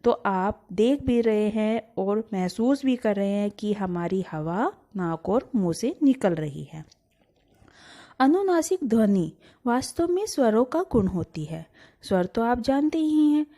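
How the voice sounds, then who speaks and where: A woman's voice: medium pitch, mellow. A woman teacher giving a grammar lesson to children, patiently explaining and asking them to repeat the words aloud. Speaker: Hindi teacher.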